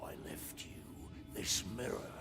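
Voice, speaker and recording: An actor playing a gruff old sea dog, a scheming pirate captain who gives slow, theatrical warnings in a gravelly, whispery voice for a video game. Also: male voice, loud music behind the voice, natural voice. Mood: ominous, secretive. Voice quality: gravelly, breaking into hoarse whisper. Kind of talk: scripted dramatic game voice acting.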